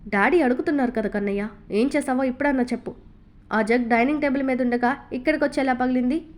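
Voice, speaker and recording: A woman's voice: high-pitched, fast, close to an everyday voice. Woman voicing a cross young mother. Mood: scolding. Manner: scolding, mildly cross. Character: young mother, fond but easily irritated.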